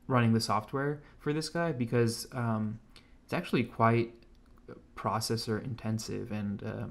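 An American hobbyist at a home computer desk indoors gives a laid-back, informal demonstration of an electronics project. His voice is on the low side and gravelly.

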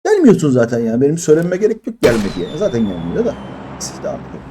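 A man in his thirties from Turkey, streaming a mobile game and complaining in exasperation as he opens crates, jumping between loud high outbursts and low mutters. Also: wildly swooping pitch, fast talker, slight background noise. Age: 30s. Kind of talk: live-stream crate-opening commentary.

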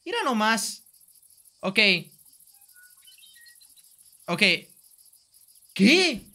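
A man's voice: extremely high pitch, big pitch swings, extremely slow, pushed and bright. A young man with a Mexican Spanish accent, streaming a game live in a playful, rambling way, swearing casually and repeating his lines. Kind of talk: joking gameplay live stream. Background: faint background music.

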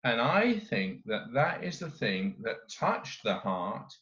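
A man preaching a sermon as a lay preacher, speaking deliberately and pausing for emphasis. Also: medium pitch, big pitch swings, a bit bright, muffled recording.

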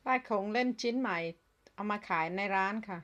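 A woman who runs a toy shop, chatting casually as she shows off a new toy, explaining in short, plain phrases with pauses between them. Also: mid-range voice, a bit bright, lo-fi sound.

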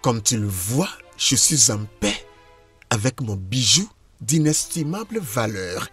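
A man's voice: medium pitch, very animated, takes it slowly, fairly bright tone, breathy edge, soft background music, full character voice. A man voicing a cold, dismissive husband in a French film dub, talking curtly and firmly. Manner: curt, firm. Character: cold, dismissive husband rejecting his ex-wife.

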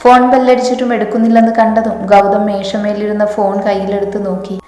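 A woman reading a romance story aloud in a steady, gentle way. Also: mid-range voice, a little fast. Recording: echoey reverberant room.

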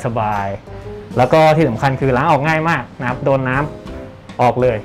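At medium pitch and a moderate pace, a young senior barber politely talks through the haircut and styling he's doing in an indoor barbershop. The session is a hands-on demonstration, and he tends to end his phrases courteously. Soft music plays in the background.

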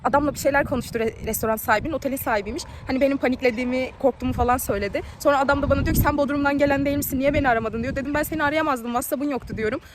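A woman vlogging about a trip, telling a mishap story in a lively way and acting out what people said. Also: high-pitched, very fast, hardly any pauses, noisy background. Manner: animated, tells a mishap story with quoted dialogue. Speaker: travel vlogger. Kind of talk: casual travel vlog storytelling.

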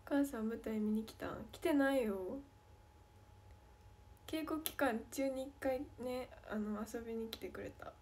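A woman's voice: a little high, unhurried, a little mellow, slight background noise. A young woman with a Kansai Japanese accent, chatting playfully on a livestream as she reads fan comments aloud and answers them. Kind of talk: casual livestream chat.

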